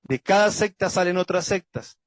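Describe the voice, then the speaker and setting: A man's voice: sits high, normal speed, no room sound. A man pastor teaching a Bible study lecture, going methodically through dates and facts and closing with an earnest prayer. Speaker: pastor teaching a theology class.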